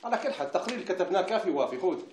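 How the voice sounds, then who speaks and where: An actor with a Syrian accent playing a brisk, commanding official giving orders, in a TV drama. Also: male voice, high-pitched, big pitch swings, darkish tone, echoey room, slight background noise. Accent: Syrian Arabic. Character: scheming official Nazim Bey.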